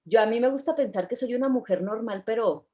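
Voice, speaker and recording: A woman's voice: on the high side, fairly quick, highs cut off. A woman in her fifties from Mexico, chatting cheerfully as an interview guest and laughing often. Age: 50s. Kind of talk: casual interview chat.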